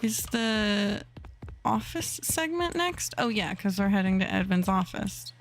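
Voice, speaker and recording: A woman's voice: mid-range voice, lively intonation, measured pace, slight background noise. A woman hosting a live game stream, chatting casually and giggling as she talks to her viewers. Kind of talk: casual live gameplay commentary.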